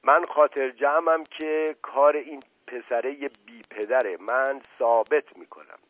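A man's voice: mid-range voice, pitched above the performer's own voice, close to an everyday voice. A man voicing a whiny, spiteful young man who accuses and complains. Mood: whining accusing. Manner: whining, accusing. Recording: narrow phone-like band, dry.

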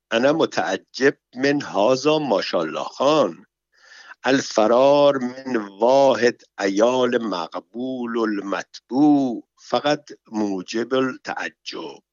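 A man's voice: medium pitch, expressive, no echo, close to an everyday voice. A man reading a story, voicing a frightened man disguised as a nanny who stammers in panicky broken Arabic. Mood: placating. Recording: dull, dry recording.

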